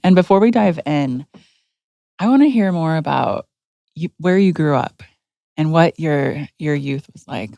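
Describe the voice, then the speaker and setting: A woman's voice: deep voice, animated, a little slow, vocal fry, warm tone, dry recording, dull audio. A woman hosting a podcast, talking in an upbeat, chatty way as she opens the show and asks her guest questions. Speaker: podcast host. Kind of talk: casual podcast interview.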